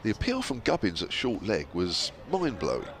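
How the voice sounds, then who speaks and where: A man commentating live on cricket, summarising the scores at a break with relaxed, hesitant pauses. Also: on the low side. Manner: relaxed, fills gaps with drawn-out hesitations while reading scores.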